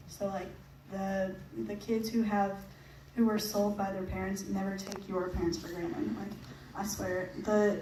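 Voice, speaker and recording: A woman's voice: mid-range voice, a little mellow. Young woman presenter at church, casual and giggly, mic set far off in a roomy hall. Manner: chatty, laughs often, many fillers. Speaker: mission trip presenter. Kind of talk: casual talk to a church audience. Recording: echoey hall, picked up from a distance, faint noise.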